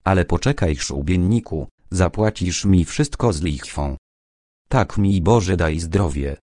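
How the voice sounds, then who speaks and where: A sly, servile estate steward, as a male narrator puts him on grumbles and mutters in a deep, dark voice. The storybook delivery is dry and close. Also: lively intonation, measured pace, no room sound. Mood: furious.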